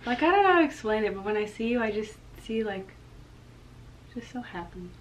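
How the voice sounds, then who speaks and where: A young woman co-hosting a casual question-and-answer chat with her husband, talking fast and loose with lots of "like" and frequent laughter. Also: medium pitch, sing-song, a little hiss or hum, low-quality recording. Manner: chatty, laughs often, lots of "like". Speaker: co-host of a couple's channel.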